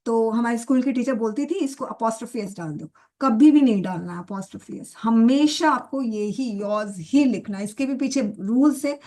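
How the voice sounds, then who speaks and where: A woman's voice: on the high side, a little mellow. A woman with an Indian English accent teaching grammar in a mix of Hindi and English, patiently repeating examples and checking that her students follow. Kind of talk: Hindi-English classroom explanation.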